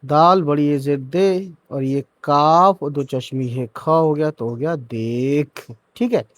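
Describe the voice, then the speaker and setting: A man's voice: a little high, slow. A man teaching beginners to read, spelling each word out sound by sound and then joining the sounds, often checking in with short asides. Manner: spells words out syllable by syllable, then joins them; checks in with "theek hai" and "hai na". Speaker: Urdu reading teacher. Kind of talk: letter-by-letter reading lesson.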